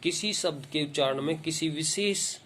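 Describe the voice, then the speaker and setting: A man teaching Hindi grammar in a lesson, speaking slowly and deliberately and repeating example words aloud to show how they are pronounced. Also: a little high, fairly bright tone, slight background noise. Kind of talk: classroom-style grammar lesson.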